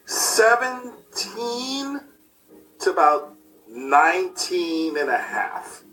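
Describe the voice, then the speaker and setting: A man's voice: sits high, very animated, pushed and bright, echoey room. Man sounding like he's in a tin can. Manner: rambling, halting, self-mocking storyteller. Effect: tinny, as if inside a metal can. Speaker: podcast guest, improv performer. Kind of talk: casual chat, storytelling. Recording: hollow, distant remote call with faint hiss.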